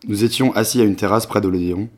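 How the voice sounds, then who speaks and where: Man in his late twenties, low-pitched, measured expressive literary reading. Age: 20s. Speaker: reader.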